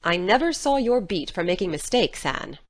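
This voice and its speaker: A woman playing a stern, practical older guardian with a brisk, dry manner in an audiobook dramatization. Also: mid-range voice, big pitch swings. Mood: dryly scolding.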